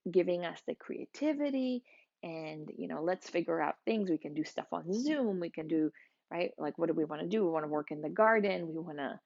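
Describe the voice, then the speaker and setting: A woman with a lowish voice and plenty of vocal fry talks to the camera as a wellness practitioner. She explains a grounding exercise informally, in short conversational phrases with pauses. The recording is dull and slightly muffled. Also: darkish tone. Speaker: energy healing practitioner giving a wellness exercise.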